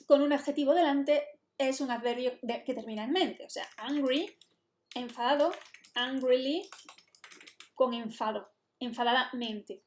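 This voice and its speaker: High-voiced Spanish woman teaching in a roomy echo. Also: a little slow, slight background noise. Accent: Spain Spanish. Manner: chatty, explanatory, mixes in English phrases. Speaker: English teacher. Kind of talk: online English lesson explanation.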